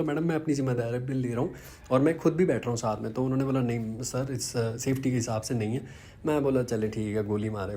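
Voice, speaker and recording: Chatty man with a mellow voice. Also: fairly high pitch. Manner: chatty, peppers speech with "bhai sahab"; mixes English phrases into Hindi. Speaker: vlogger. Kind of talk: casual vlog walkthrough narration.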